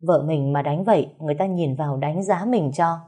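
A woman's voice: deep voice, a little fast, warm tone. A woman voicing a reproachful elder in-law.

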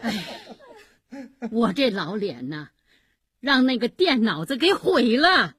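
Grandma Meng flustered, Beijing-accented. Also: female voice, fairly high pitch, sing-song, slow pace, fairly bright tone, slightly rough, full character voice. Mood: anxious. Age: older. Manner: flustered, stammering, many exclamations. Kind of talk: radio comedy acting.

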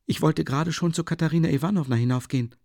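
A man voicing a timid, anguished young woman who pleads in a breathy, rising voice, in a dry audiobook reading. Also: fairly high pitch, fast talker, dark tone, dry recording, voice pushed up. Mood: pleading, distraught.

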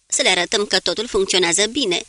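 A woman reading as a calm submarine commander. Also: medium pitch, close to an everyday voice.

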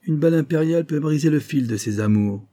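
A man's voice: fairly high pitch, expressive, a little fast, dark tone, voice pushed up, lightly acted. A man reading an audiobook, voicing a playful, commanding young prince who teases a courtier. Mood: teasing. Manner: teasing, commanding.

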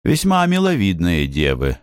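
A man narrating a literary audiobook in a measured, expressive reading. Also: low voice, clean tone, dry recording, studio quality. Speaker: audiobook reader.

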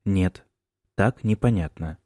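A caring young man, read by a man, calm and reassuring. He speaks gently in a low voice. The recording is dry and close. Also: slow pace, no room sound.

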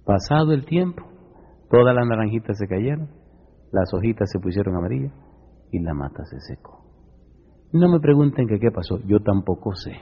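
A man's voice: lowish voice, big pitch swings, normal speed, pauses often, slightly rough. A Dominican man with a Dominican Spanish accent, preaching as a pastor and questioning his congregation. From Dominican Republic. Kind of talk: sermon. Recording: echoey hall, dull lo-fi sound.

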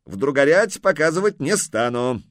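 A loud, merry warrior full of swagger, calling out and teasing, as the narrator puts him on. The voice rides high and bold, with a lively, animated pitch, close and dry. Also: male voice, normal speed, no echo, lightly acted. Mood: boastful shouting. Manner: loud, jovial, showing off. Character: boastful merry armored warrior husband.

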